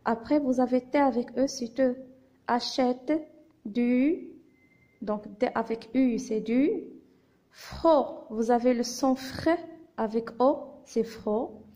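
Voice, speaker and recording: A woman teacher with a Moroccan accent, giving a slow phonics reading lesson to young children and patiently sounding out letters and syllables. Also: fairly high pitch, steady tone, mellow. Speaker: primary school teacher.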